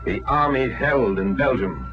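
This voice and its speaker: A man's voice: mid-range voice, expressive, measured pace. Man narrating an old wartime newsreel. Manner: grave, declamatory delivery. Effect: old newsreel recording. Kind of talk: scripted 1940s newsreel narration. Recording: lo-fi 1940s newsreel soundtrack with loud music.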